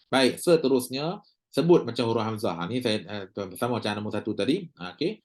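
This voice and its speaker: A man's voice: mid-range voice, very animated, a little mellow. Chatty Malaysian Malay man teaching recitation. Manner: chatty, joking, models sounds by drawn-out demonstration. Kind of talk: casual recorded class lecture.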